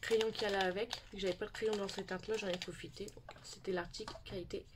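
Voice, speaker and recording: A woman's voice: mid-range voice, fairly even intonation, quick pace. Woman, casual haul vlog, chatty, home recording with background noise. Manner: chatty, showing products to camera. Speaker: beauty YouTuber.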